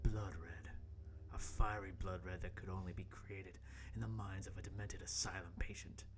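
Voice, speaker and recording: For an amateur radio play, a man with a low, natural voice plays a jumpy young intern narrating his own horror tale. His delivery is melodramatic and ominous, broken up by shouted sound effects, though his intonation stays fairly even at a moderate pace, with background noise present.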